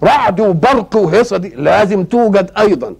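A man's voice: high voice, lively intonation, fairly quick, creaky, breathy edge. An older man with an Egyptian accent giving a religious lesson, explaining step by step and asking rhetorical questions before answering them. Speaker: Quranic exegete. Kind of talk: religious lesson, Quran commentary.

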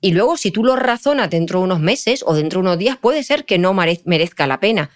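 A woman, a psychologist guest on a podcast, explaining in an expressive way and often checking in with her listener. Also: fairly low pitch, fast talker. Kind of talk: podcast interview conversation.

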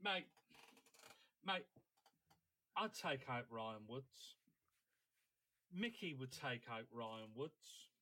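A man's voice: medium pitch, animated, drawn-out words, long pauses, bright, forceful tone. Male podcast panellist, middle register, emphatic informal football talk. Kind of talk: casual football debate.

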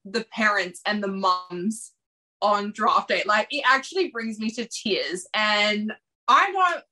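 A woman's voice: medium pitch, bright, forceful tone, poor audio. A woman hosting a casual sports podcast, chatty and emotional, with lots of fillers. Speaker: podcast host.

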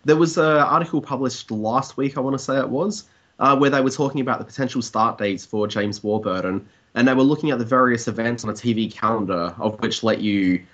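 Casual Australian male commentator, brisk and conversational, on a muffled lo-fi recording. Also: mid-range voice, a bit bright. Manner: conversational, opinionated, hedging with "I mean". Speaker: TV industry commentator, blogger. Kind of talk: casual discussion.

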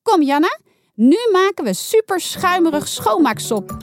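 A woman voicing an excitable young girl who squeals and whines in a high voice. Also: a little slow, faint music behind, heavily acted. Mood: eager.

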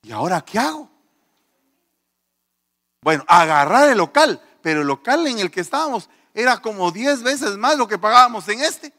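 A man's voice: sits high, animated, fairly quick, few pauses, sharp tone, big-room sound. A man, a pastor, giving a testimony sermon, telling the story with animation and acting out the people in it.

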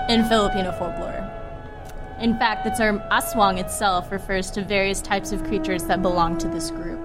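Woman narrating folklore over loud music. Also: mid-range voice. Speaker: guest explaining folklore. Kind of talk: scripted narration. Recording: prominent music under the voice.

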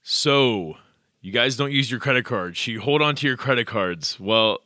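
Bright-voiced, blunt podcast host. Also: male voice, mid-range voice, expressive, moderate pace, dry recording, clean studio sound. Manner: blunt and direct, with fillers. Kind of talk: casual podcast talk.

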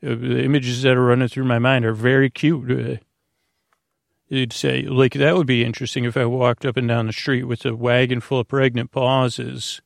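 A bedtime sleep podcast host talks in a loose, meandering monologue, repeating himself in stammers and sliding into tangents. The recording is dry, close and without echo, and his fry-edged, creaky voice holds a medium pitch with little variation at a normal pace.

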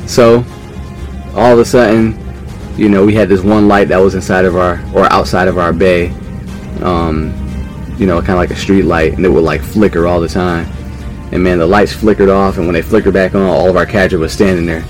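A man from New York with a very low voice tells a story on a podcast. He talks casually and animatedly, acting out what others said and laughing along the way. Soft music plays faintly underneath. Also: steady tone, normal speed. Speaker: podcast guest.

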